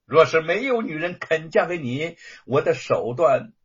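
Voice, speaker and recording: A cackling, spoiled young lordling, as a man puts him on mocks his rival in a storybook tale. The voice rides high and swoops wildly up and down, with a husky, breathy grain. The recording sounds dull and muffled. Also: big pitch swings, unhurried, exaggerated voice. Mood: gloating. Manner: taunting, cackling, sneering. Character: gloating spoiled young male lordling, cruel mocker.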